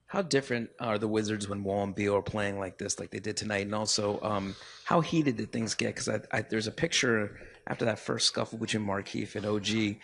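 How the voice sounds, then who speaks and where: A man's voice: fairly low pitch, fairly quick, fairly bright tone. A man, a reporter asking a long, chatty question at a press conference. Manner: chatty, laughs mid-question.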